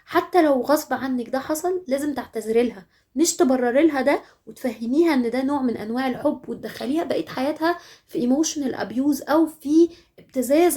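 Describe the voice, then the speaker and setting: A woman's voice: sits high, mellow. A woman with an Egyptian Arabic accent giving earnest, direct advice to mothers in a monologue. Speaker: parenting advice host.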